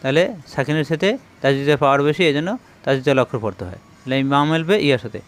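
A man teaching Quran reading, spelling Arabic letters out one syllable at a time with slow, patient drilling. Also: mid-range voice, clean tone.

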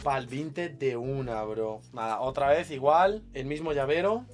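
A young man with a Spain Spanish accent, chatting excitedly and using plenty of slang as he unboxes clothes in a casual vlog. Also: mid-range voice, unhurried, noisy background. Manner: excitable, slangy, shouts in bursts. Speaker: fashion unboxing youtuber.

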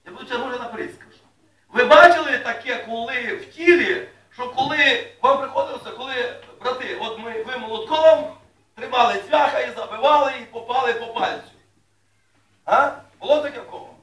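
A man preaching a sermon to his congregation in a folksy way, asking them questions and rising loudly when he reads scripture. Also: extremely high pitch, a little fast. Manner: folksy, asks the congregation questions, rises to loud reading. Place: church hall. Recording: echoey room, mic at a distance.

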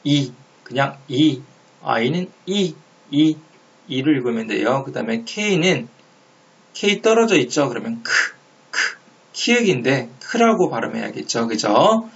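Slow gravelly man teaching pronunciation. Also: medium pitch, sing-song, lo-fi sound. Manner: slow, drawn-out repeated sounds for the learner. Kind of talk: step-by-step phonics lesson.

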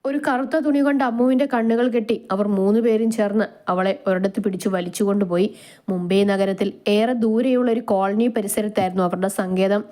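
A woman narrating a romantic drama story in a steady, measured reading. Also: medium pitch.

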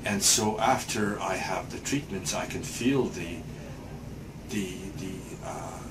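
Older guy in his 60s, low voice, lots of uh and repeats, hissy clinic room sound. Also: slow. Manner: hesitant, many fillers and repeated words. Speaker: patient giving a testimonial. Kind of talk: casual interview answers. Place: small clinic exam room, indoors.

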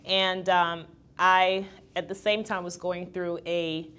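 A woman from Guyana, a fitness trainer and entrepreneur, tells her story as a guest in a casual interview. Her lowish voice is clean-toned and she takes it slowly, speaking candidly, laughing easily and quoting others in lively voices.

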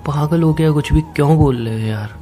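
A young adult man, in an emotional private phone conversation, keeps pleading and insisting while music plays in the background. His voice is fairly high-pitched and dark in tone, and he speaks briskly.

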